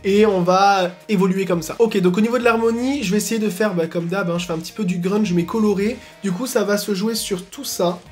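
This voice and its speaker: A man hosting a casual makeup tutorial at home, talking in slangy asides and breaking into excited exclamations. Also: high voice, brisk, few pauses, faint music behind. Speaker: beauty YouTuber.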